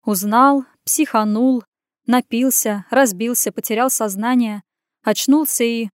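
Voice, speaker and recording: A gruff, brusque grown man, a wealthy businessman who talks in clipped phrases, as a woman reads his lines in an audiobook. The voice sits fairly high and sounds dry and close. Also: steady tone, unhurried, no room sound, close to an everyday voice. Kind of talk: audiobook reading.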